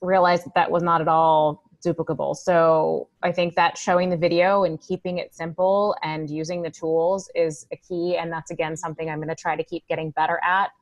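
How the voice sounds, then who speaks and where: A woman's voice: deep voice, flat delivery, brisk, few pauses, highs cut off. A woman on a team video call, speaking candidly and reflectively. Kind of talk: casual video call meeting.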